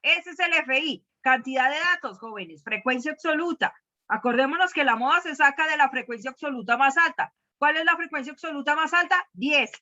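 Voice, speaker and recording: A woman's voice: high voice, fairly quick, bright, forceful tone. A woman teaching a math class, questioning her students and repeating key words. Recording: dull lo-fi class recording.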